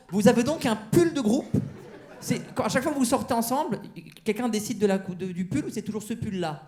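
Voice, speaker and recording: A man's voice: sits high, darkish tone. A man doing stand-up crowd work on a comedy club stage, teasing the audience with mock-outraged banter. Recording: live show with crowd laughter.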